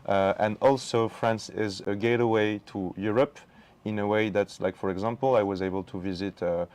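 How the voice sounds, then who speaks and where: Moroccan-raised male guest, lowish pitch, friendly and methodical. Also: steady tone, normal speed, a little mellow. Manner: friendly, lists points, frequent "like". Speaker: embassy education officer, guest. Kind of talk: talk show interview.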